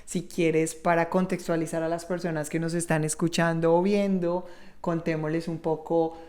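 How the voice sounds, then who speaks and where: Low-pitched woman hosting a podcast. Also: little pitch movement, moderate pace. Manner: warm encouraging interjections, rambling questions. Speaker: podcast host. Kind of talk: conversational interview.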